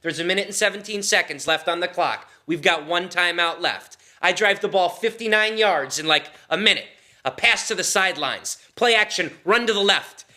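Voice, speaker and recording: An actor in his thirties playing a former high school quarterback, a boastful man stuck in his glory days. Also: normal speed, bright, forceful tone. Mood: nostalgic. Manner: hearty, pushy cheerleading.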